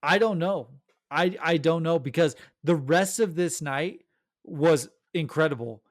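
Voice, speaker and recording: Animated enthusiastic man, dry close sound. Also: on the high side, measured pace, no echo. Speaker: podcast co-host. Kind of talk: casual chat.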